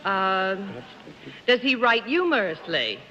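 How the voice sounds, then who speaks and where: Woman, panelist, 1950s TV broadcast sound, bright tone, dull lo-fi audio, hall echo. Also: mid-range voice, sing-song, slow. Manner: hesitant, many fillers, playful. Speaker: game show panelist. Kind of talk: 1950s TV panel game show questioning.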